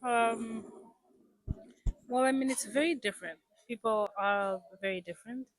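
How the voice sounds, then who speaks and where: A woman's voice: fairly high pitch, a little slow, no echo. A young woman, a guest raised in South Africa with English as her first language, chatting casually in an interview with many ums and restarts.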